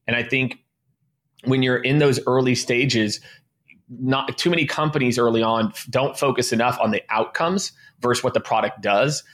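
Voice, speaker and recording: A man in his late thirties talks as an interview guest, upbeat and casual. His voice sits at an ordinary middle pitch, and he keeps looping back with filler words and restarts as he explains. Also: fairly even intonation, moderate pace, fairly bright tone. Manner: casual and upbeat, heavy use of "you know" and restarts. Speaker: guest, sales leader.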